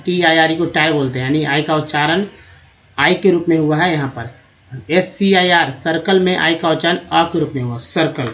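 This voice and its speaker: A man teaching English pronunciation in a slow, explanatory way, spelling out words letter by letter. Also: a little high. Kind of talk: Hindi-language spoken lesson.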